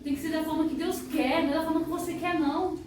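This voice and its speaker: A woman's voice: extremely high pitch, fairly even intonation, fast talker, a little mellow, a little hiss or hum. A woman leading worship in church, singing hymns and fervently exhorting the congregation, breaking into tongues. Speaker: worship leader. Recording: echoey church hall from far off.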